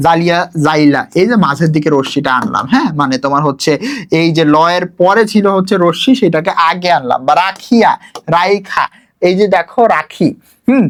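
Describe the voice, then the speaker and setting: A man's voice: fairly high pitch, fairly quick. A young man, teaching a recorded grammar lesson for admission exams, who asks questions and answers them himself. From Bangladesh. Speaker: admission exam tutor.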